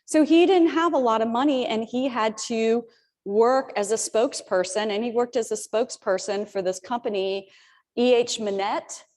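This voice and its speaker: A woman's voice: on the high side, moderate pace, a little mellow. A woman in her fifties giving a motivational keynote talk, telling personal stories with humorous asides to the audience. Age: 50s. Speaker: keynote speaker. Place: large old theater venue. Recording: long hall reverb on stage.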